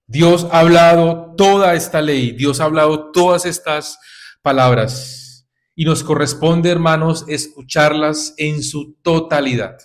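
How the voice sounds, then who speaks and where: A man's voice: on the high side, a little slow. A man preaching a sermon to his congregation, exhorting them with repeated rhetorical questions and calls of "brothers". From Colombia.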